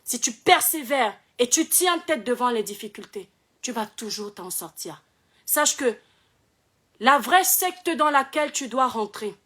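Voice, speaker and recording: A young woman, hoarse from shouting, giving preachy motivational advice and repeating phrases for emphasis. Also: on the high side. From Cameroon. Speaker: online personality. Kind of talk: motivational video monologue.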